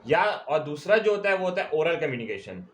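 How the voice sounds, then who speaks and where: A man with a slightly raised pitch gives a classroom lecture, writing on a board as he goes. He repeats each key term slowly and keeps checking that students follow. A faint hiss sits under the recording. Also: sing-song. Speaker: commerce teacher.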